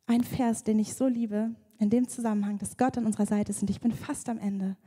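A woman's voice: on the high side, steady tone, a little fast, dark tone, slightly rough. A young adult woman preaching a sermon with vivid storytelling, now and then acting out prayers. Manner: vivid storytelling, acts out prayers and a crying baby. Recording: long church hall reverb.

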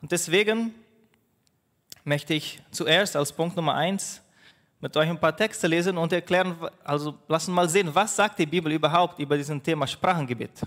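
In a large hall, a pastor whose first language is Portuguese preaches with a fairly high, fairly bright voice. He frequently breaks off and restarts phrases, leaning on fillers as he goes.

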